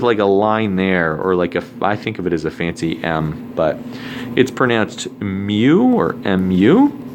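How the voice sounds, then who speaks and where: A male math teacher walks through a recorded lesson in a low voice that swings up and down as he talks. He keeps it casual, dropping joking asides while he writes. A faint hum of room ambience sits behind him.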